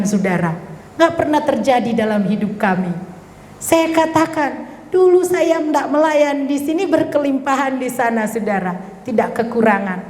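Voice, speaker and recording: A middle-aged woman, a pastor's wife, gives an emotional testimony sermon, often calling the congregation "saudara". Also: high-pitched. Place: church hall. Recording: echoey church hall.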